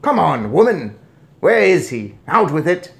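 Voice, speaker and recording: An irate English father from a children's story, blusters at high volume. His voice rises in pitch as he splutters pompously. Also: sing-song, normal speed, vocal fry. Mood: furious.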